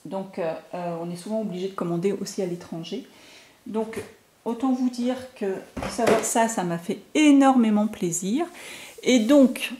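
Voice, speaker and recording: A woman's voice: medium pitch, moderate pace, noisy background. A French woman talking through a scrapbooking haul for her viewers, chatty and enthusiastic, with lots of fillers and restarts. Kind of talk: casual product haul talk to viewers.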